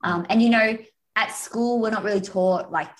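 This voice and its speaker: A woman from Australia with an Australian accent, a podcast guest telling stories in a chatty, animated way over a remote call. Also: medium pitch, moderate pace, poor audio. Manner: chatty storyteller, animated, frequent "you know" and "like". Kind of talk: casual podcast conversation.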